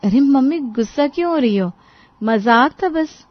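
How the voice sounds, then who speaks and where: A woman's voice: high voice, unhurried, lo-fi sound, pitched above the performer's own voice. A woman voicing a playful, outspoken young daughter-in-law who talks teasingly. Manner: teasing, lively.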